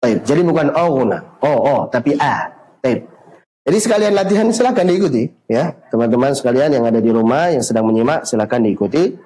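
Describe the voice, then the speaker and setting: A man teaching Quran recitation rules online, asking questions and answering them himself, with slow drawn-out recited examples. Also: medium pitch, animated, mellow, low-quality recording.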